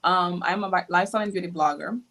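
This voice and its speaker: A woman's voice: on the low side, quick pace, a bit bright. A young woman from Honduras chatting casually as a livestream guest, storytelling with lots of fillers over an earphone mic on a video call. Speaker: guest blogger. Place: indoors at home.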